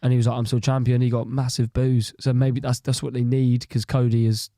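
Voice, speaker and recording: A man co-hosts a podcast with a mellow, relaxed tone. He gets excitable, laughs often and acts out his reactions, all on a dry, close mic. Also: mid-range voice, a little fast, no room sound. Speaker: podcast co-host. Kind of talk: casual chat.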